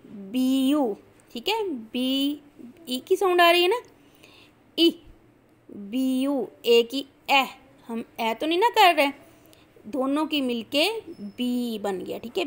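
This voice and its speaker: A woman teacher, speaking in a high voice. She talks slowly and patiently through a classroom lesson, breaking words apart and spelling them letter by letter.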